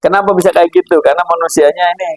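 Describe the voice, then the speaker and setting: This man, an Islamic philosophy teacher, gives a casual religious lecture full of anecdotes, chatting and laughing often as he acts out the characters in his stories. His voice is high, with fairly even intonation and a racing pace. The audio is poor but has no echo.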